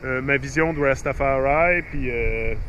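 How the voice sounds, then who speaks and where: This middle-aged man speaks with a Québécois French accent, using a medium-pitched, fairly bright voice at a measured pace over slight background noise. Addressing his YouTube viewers in a casual monologue, he rambles and chats, full of fillers and restarts, dropping in English phrases here and there.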